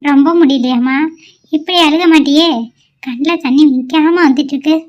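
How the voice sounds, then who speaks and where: Recorded with muffled sound, a woman uses her natural high-pitched voice at normal speed to play a cartoon's middle-aged mother-in-law. She is anxious and caring, moving between soothing and fretting while calling on god.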